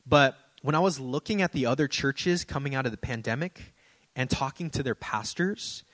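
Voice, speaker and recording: A male pastor preaching a sermon in a relaxed, conversational way, mixing scripture with personal stories. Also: medium pitch, moderate pace, no echo.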